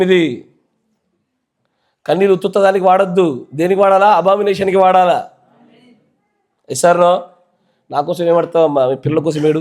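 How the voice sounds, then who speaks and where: High-voiced Telangana pastor preaching. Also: male voice, a little mellow. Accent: Telangana Telugu. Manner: quizzes the congregation, keeps asking yes or no. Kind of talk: sermon. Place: church.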